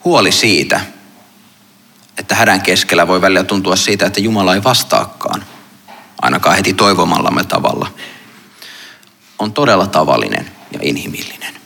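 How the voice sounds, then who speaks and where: A male pastor with a deep voice reads the gospel and preaches at a calm pace, pausing often between phrases. His voice is gravelly but bright and forceful. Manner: measured, with long pauses between phrases. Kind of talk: gospel reading and sermon.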